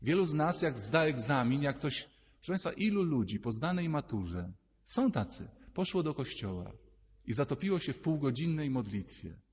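A man, a priest, giving a lively, conversational sermon and acting out little inner voices as he speaks. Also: fairly high pitch, moderate pace, husky, big-room sound.

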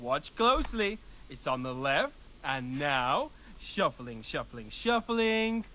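A man's voice: fairly high pitch, sing-song, slow pace, bright, forceful tone, slight background noise, full character voice. An actor playing a sarcastic male game developer who narrates and teases the player in a video game. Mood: gloating. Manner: sarcastic, teasing.

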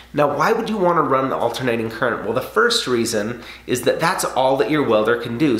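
A man in his thirties, a welding instructor, talks through welding in a relaxed, filler-heavy way while sitting in his home garage workshop. His mid-range voice is a bit bright, and the garage gives the audio a roomy echo.

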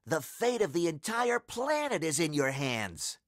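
An eager, nervous young schoolboy, played by a male narrator, pitched higher than the reader's own voice and bouncing around lively. The sound is close and dry, like a storybook app. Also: a little slow, no echo.

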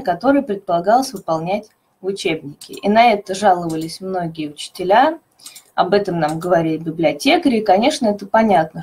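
A woman methodologist presenting a teaching webinar, explaining clearly and stressing key words. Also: mid-range voice, a little mellow.

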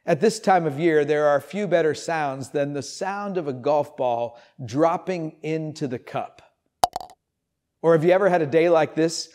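A man in his fifties, a pastor, preaching and reading scripture in an animated storytelling way, in an empty church. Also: on the high side, a little slow. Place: empty church sanctuary, indoors.

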